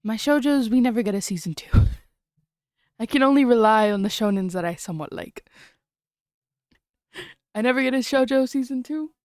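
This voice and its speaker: A woman's voice: on the high side, normal speed, long pauses, a little mellow, no echo, clean studio sound. A young woman chatting casually on a late-night stream, giggly and rambling, often trailing off and restarting.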